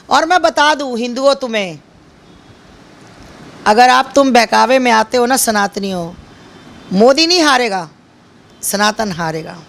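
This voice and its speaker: A woman giving an impassioned interview, speaking in a fiery, emphatic way with repeated slogans. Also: a little high.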